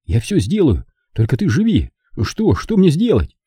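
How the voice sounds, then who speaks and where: A man playing a frightened young man, raised in pitch, begging and shouting in despair. His voice leaps widely with a slightly husky edge. The recording is dry and close. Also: wildly swooping pitch, moderate pace, no room sound. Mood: desperate. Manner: pleading, agitated.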